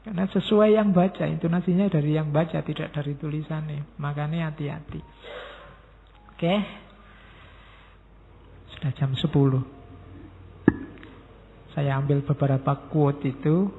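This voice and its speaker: A man's voice: a little high, fairly even intonation, measured pace, gravelly, pauses often, slight background noise. A man with a Javanese accent giving a philosophy lecture, talking directly to his listeners and acting out quoted messages in different tones. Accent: Javanese-inflected Indonesian. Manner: talks straight to the audience, acts out quoted messages in different tones. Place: large mosque hall. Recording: tinny lo-fi sound in a reverberant hall.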